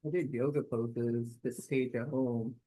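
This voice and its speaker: A man's voice: mid-range voice, unhurried. A man, a real estate agent, chiming in casually during a training session, rambling with lots of "like" and "you know". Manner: relaxed, rambling, filler-heavy.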